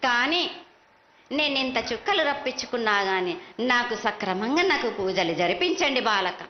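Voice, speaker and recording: A woman's voice: on the high side, animated, normal speed, lo-fi sound. A woman with a Telangana Telugu accent speaks as a festival oracle in the voice of a mother goddess, declaiming commands and repeating herself. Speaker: oracle delivering a festival prophecy. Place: live temple festival ceremony. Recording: echoey, band-limited live broadcast with faint noise.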